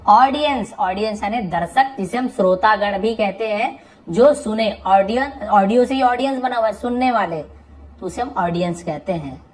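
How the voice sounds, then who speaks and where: A woman tutor teaching English vocabulary in Hindi. She calls out each word loudly and then explains it patiently in a lower voice. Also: moderate pace, low-quality recording.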